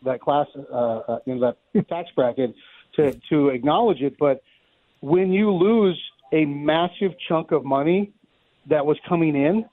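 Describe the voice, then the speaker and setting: Over a roomy, narrow-band phone line, a middle-aged announcer chats through unscripted sports analysis on a radio show, sounding wry and conversational. His pitch is fairly high and his pace measured.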